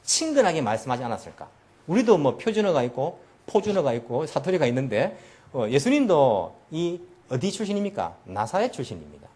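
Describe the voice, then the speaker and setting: A pastor delivers his sermon in a church. He is a man with a fairly high voice and a lively, swooping pitch. Now and then he drops into the voices of the people he quotes. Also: a little fast. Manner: animated preaching, acting out quoted voices.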